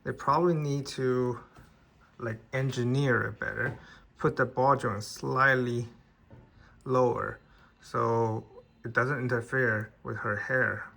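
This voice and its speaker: Creaky, bright-voiced man reviewing a toy. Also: medium pitch, steady tone, takes it slowly. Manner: plain, conversational, with frequent restarts and fillers. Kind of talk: casual product review.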